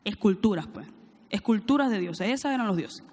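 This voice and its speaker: A woman's voice: mid-range voice, lively intonation, normal speed, a little mellow, long reverb tail. A woman preaching a sermon, reading scripture aloud and prompting the congregation to call back answers. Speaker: preacher, church teaching director.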